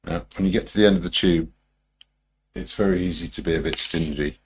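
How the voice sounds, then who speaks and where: A man talking through a live demonstration as a painting instructor, informal and unhurried, muttering his thoughts to himself as he works. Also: deep voice, slightly rough. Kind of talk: TV painting instructor style, musing aloud while demonstrating.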